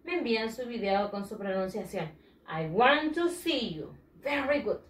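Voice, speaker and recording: Woman, children's teacher; high voice, unhurried drill delivery, roomy recording. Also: expressive, distant mic. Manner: slow, drawn-out pronunciation drills. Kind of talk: bilingual vocabulary lesson for children. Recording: echoey room.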